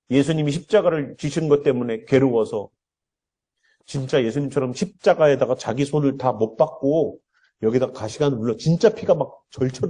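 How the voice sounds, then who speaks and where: A man's voice: mid-range voice, dark tone, husky. A male pastor preaching an earnest sermon, often acting out the voices he quotes.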